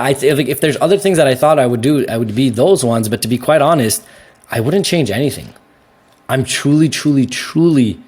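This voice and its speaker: A young Canadian man answering interview questions in a casual, animated way, laughing easily and often restarting his sentences. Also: medium pitch, slightly rough. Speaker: guest.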